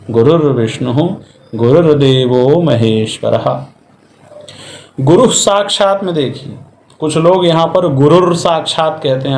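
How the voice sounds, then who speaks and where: A man's voice: on the high side, dark tone, roomy sound, slight background noise. A man giving a methodical classroom lecture on Sanskrit grammar, explaining step by step with examples. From India.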